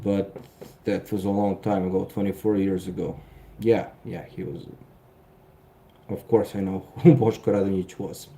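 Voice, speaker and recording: A man's voice: low-pitched, flat delivery, moderate pace, mellow. A man in his thirties with a Serbian accent, hosting a casual live stream and answering viewer comments with dry sarcasm and frequent chuckles. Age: 30s.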